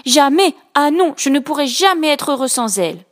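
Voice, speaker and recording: A woman's voice: fairly high pitch, animated, normal speed. A woman voicing a vain, proud fish who speaks haughtily and with indignation, in a raised voice. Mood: indignant. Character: vain proud male fish with shiny scales.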